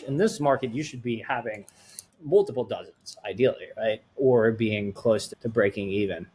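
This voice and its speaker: A Swedish man in his late twenties, speaking with a light accent in a mid-range voice, answers interview questions as a startup founder. He comes across as earnest and tends to ramble. A slight hiss or hum sits under the recording.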